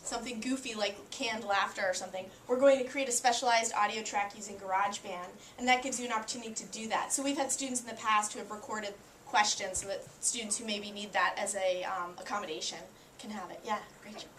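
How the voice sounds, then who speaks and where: A woman's voice: medium pitch, steady tone, fast talker, few pauses, a bit bright. A woman college instructor teaching a class in an upbeat, encouraging way. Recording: echoey classroom, mic far off, noisy.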